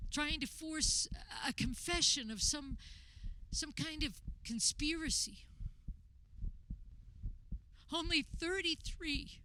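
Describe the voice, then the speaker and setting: A woman acts out a tender, grieving mother in a radio play, remembering her son. Her voice sits fairly high and moves very slowly, pausing as she reflects. The delivery is intimate and conversational, over noticeable background noise. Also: pushed and bright, exaggerated voice, poor audio. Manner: intimate, reflective storytelling with hesitant pauses. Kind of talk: dramatic monologue, conversational radio theater.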